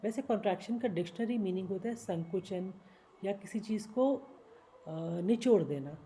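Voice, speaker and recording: A woman teaching spoken English, spelling out long words slowly, syllable by syllable. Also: mid-range voice, mellow, slight background noise, poor audio. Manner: slow, syllable-by-syllable spelling and pronunciation.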